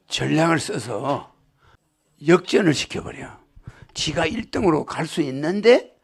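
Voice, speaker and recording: A man's voice: on the high side, gravelly, slightly rough. A man giving a lecture to a live audience, rambling and joking, often asking the crowd rhetorical questions. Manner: jokes and laughs with the audience. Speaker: spiritual lecturer.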